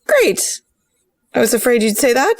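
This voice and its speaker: A woman's voice: fairly high pitch, sing-song, measured pace, dry recording. A woman playing a tabletop game, asking curious questions. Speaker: player. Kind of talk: casual tabletop game play.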